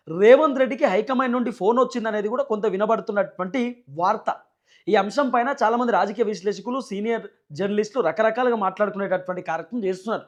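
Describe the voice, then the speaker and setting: With a voice that sits high, a man with a Telangana Telugu accent hosts a channel of political news commentary. He speaks emphatically and repetitively, often asking rhetorical questions.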